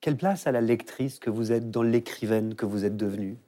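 Guy hosting a book show, calm polite questions. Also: on the low side. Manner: measured, courteous questioning. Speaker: talk show host. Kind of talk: studio interview.

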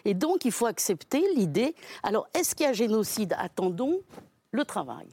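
A woman's voice: mid-range voice, big pitch swings, normal speed, a little mellow, slightly rough, no room sound. A woman guest in a studio debate, speaking emphatically and thinking aloud with frequent restarts. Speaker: guest commentator.

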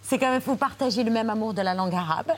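A woman hosting a TV talk show, interviewing a guest in a lively way. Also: on the high side, fast.

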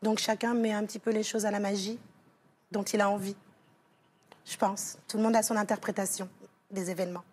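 Husky French woman telling her story. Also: medium pitch, little pitch movement, brisk, long pauses, darkish tone. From France. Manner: emotional, rambling with fillers and restarts. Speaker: guest. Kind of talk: studio interview, personal story. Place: TV studio set.

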